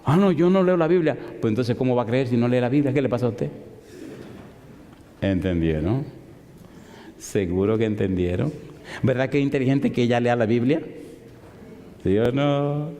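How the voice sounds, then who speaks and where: A man's voice: mid-range voice, moderate pace, long pauses, warm tone, a little hiss or hum. A male pastor preaching a sermon in a conversational, storytelling way, throwing rhetorical questions at the congregation. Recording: echoey hall reverb.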